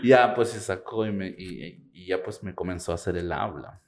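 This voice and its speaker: A man with a Peruvian Spanish accent telling a personal story in a casual chat, campy and animated, often breaking into laughter. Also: sits low, moderate pace, a crowd in the background. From Peru.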